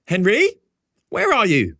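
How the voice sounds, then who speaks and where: A man voicing a cold, demanding middle-aged mother in an audiobook, speaking curtly and accusingly with raised pitch. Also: huge pitch swings, measured pace, fairly bright tone, dry recording, studio quality, heavily acted. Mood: annoyed. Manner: curt and accusing.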